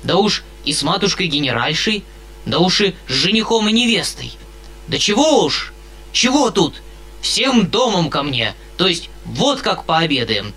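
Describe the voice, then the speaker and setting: Male reader doing a loud, folksy country squire. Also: sits high, sing-song, measured pace, pitched above the performer's own voice, full character voice. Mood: effusive. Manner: boisterous, folksy. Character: fat, blustering country landowner.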